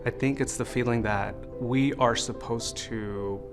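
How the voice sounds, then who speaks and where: An American man answering interview questions in a reflective, animated way. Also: mid-range voice, unhurried, over music. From United States. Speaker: interview guest.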